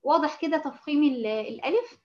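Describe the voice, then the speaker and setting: A woman with an Egyptian Arabic accent teaching a Quran recitation lesson, patiently explaining and slowly demonstrating sounds. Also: high-pitched, animated, highs cut off. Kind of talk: tajweed lesson.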